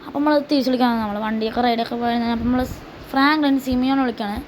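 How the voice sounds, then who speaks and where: A woman's voice: on the high side, steady tone, racing, a little hiss or hum. A woman hosting a gaming channel, chatting casually through her gameplay and often repeating herself. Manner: chatty, repeats herself, slangy address to viewers.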